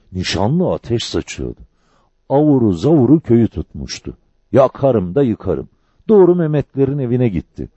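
A man reading a novel aloud as an audiobook narrator, with measured, expressive storytelling. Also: on the low side, husky, no room sound. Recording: dull lo-fi dry recording.

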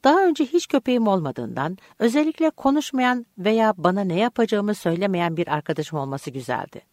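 A woman reading an audiobook chapter aloud in calm, measured scripted narration. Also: fairly low pitch, no echo, studio quality.

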